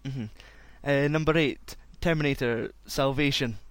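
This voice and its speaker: A man's voice: medium pitch, unhurried, dry recording. A man hosting a casual chat, loose and rambling. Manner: loose and rambling, laughs a lot. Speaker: podcast host.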